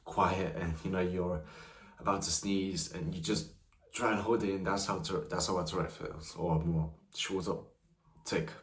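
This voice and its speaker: A man's voice: deep voice, steady tone, normal speed, reverberant. A nineteen-year-old man talking casually to camera about his own life, rambling with lots of fillers. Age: young adult, nineteen. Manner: loose, rambling, many "you know" fillers. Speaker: vlogger. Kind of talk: casual personal talk to camera.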